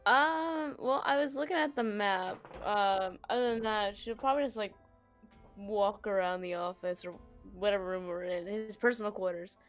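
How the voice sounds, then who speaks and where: A woman's voice: mid-range voice, moderate pace, soft background music. A woman playing a tabletop game, chatting playfully and laughing about her character. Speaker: player. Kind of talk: casual game chat.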